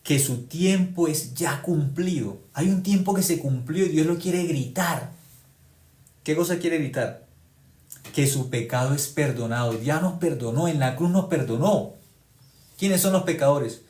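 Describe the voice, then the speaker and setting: A man preaching a sermon, repeating phrases for emphasis and swinging from loud exclamations to quiet, low lines. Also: unhurried. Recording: echoey room.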